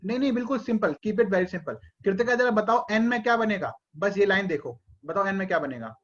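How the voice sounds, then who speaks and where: A man's voice: high-pitched, animated, fairly quick, a bit bright, lo-fi sound. A male teacher running an online class, patiently calling on students by name and coaxing answers out of them.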